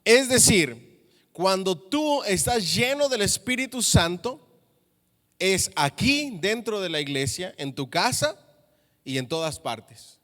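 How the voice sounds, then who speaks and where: A man's voice: sits high, sing-song, takes it slowly, a bit bright. Preaching man with a ringing reverb. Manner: checks in with the congregation with questions. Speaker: pastor. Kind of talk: sermon. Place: church.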